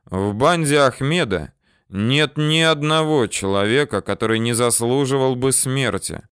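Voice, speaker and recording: A male audiobook reader narrating in a measured, unhurried way. His voice is smooth and resonant, recorded close and dry with no room sound. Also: mid-range voice, a bit bright, dry recording. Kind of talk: scripted narration.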